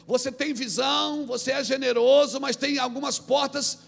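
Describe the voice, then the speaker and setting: A Brazilian man preaching as a pastor, swinging between shouted exhortation and quiet, acted-out storytelling. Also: extremely high pitch, steady tone, moderate pace, gravelly, soft background music. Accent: Brazilian Portuguese. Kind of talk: sermon.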